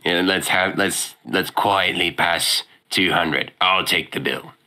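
A man's voice: low voice, slow, bright, forceful tone. A man playing a tabletop role-playing game, speaking in a confident, matter-of-fact manner. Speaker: player. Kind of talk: tabletop role-play in character.

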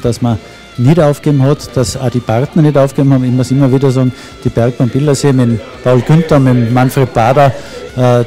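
A man's voice: medium pitch, warm tone. A middle-aged man, speaking earnestly and heartfelt in an interview at an indoor event, handheld mic. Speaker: project initiator.

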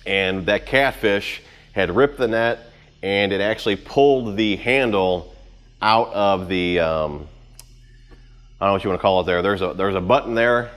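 Speaking in a lowish, slightly bright voice, a vlogger in his thirties walks the camera through his boat in a loose, rambling way. He's in a home garage with the door open, and his casual, unscripted talk breaks off for pauses as he deals with his gear.

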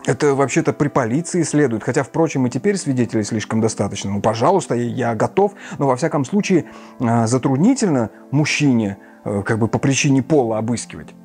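Man voicing a smug, long-winded gentleman in an audiobook, fussy, pompous, with filler hesitations. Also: mid-range voice, animated, fairly quick, soft background music, natural voice. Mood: flustered mumbling. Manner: wordy, pompous, hesitant mumbling. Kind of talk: audiobook character reading.

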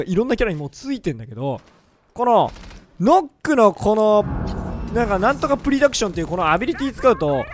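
A hoarse man giving excitable, joking gameplay commentary, often mocking himself. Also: high-pitched, slight background noise. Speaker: gaming video creator.

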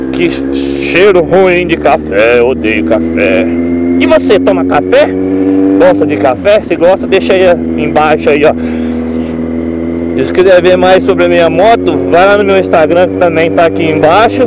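A man vlogging from his motorcycle, talking exuberantly and often shouting over the engine. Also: a little high. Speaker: motovlogger. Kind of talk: excited motorcycle vlog narration. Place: outdoors on a moving motorcycle on highway. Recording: loud wind and engine noise. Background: motorcycle engine and wind roar.

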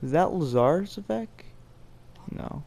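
A young man giving jokey, excitable, self-mocking commentary while playing a game. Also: on the high side, slow pace, creaky. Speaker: gameplay commentator. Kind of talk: let's play commentary.

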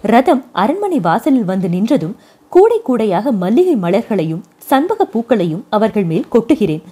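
A woman voicing a spirited young wife in a storybook reading, speaking in an animated way. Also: fairly high pitch, moderate pace, husky. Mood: dreamy. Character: young wife, spirited and proud of her sister.

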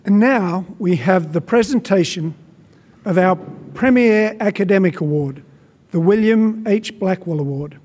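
An older man acting as master of ceremonies at a graduation speaks into a podium microphone, his voice high, husky, darkish and unhurried. He makes formal, stately announcements and stumbles slightly over titles, with the long reverb of a large arena hall behind him.

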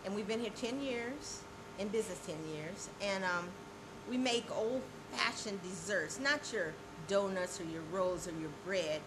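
A woman's voice: mid-range voice, unhurried. An older woman who owns a bakery, telling stories in a chatty, rambling way. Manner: chatty storyteller, restarts and fillers. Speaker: bakery owner. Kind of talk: casual interview chat. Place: small indoor bakery office and kitchen. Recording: loud background noise.

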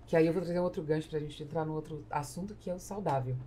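This podcast host, a woman with a Brazilian accent, has a deep, warm voice and races along, with slight background noise present. Recording on a boom-arm studio mic in a compact foam-padded room, she explains at length and frames long, connected questions in a conversational interview.

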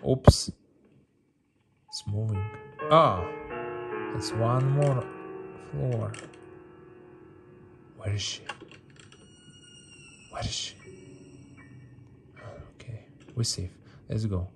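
This man speaks in a lowish, creaky voice, drawing out his words and pausing often. He's a mobile game streamer chatting playfully and repetitively about gameplay in non-native English, with game music behind him.

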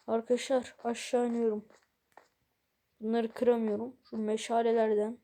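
With a warm, higher-pitched voice, a gaming video creator talks her viewers through a casual let's-play, grumbling and exasperated at the game as she addresses them directly.

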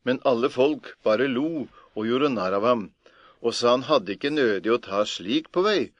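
A male storyteller reads a folk tale at a measured, even pace, in a voice of middling pitch. The recording is very dry with no room sound, and a little muffled and lo-fi. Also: no echo. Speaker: audiobook narrator.

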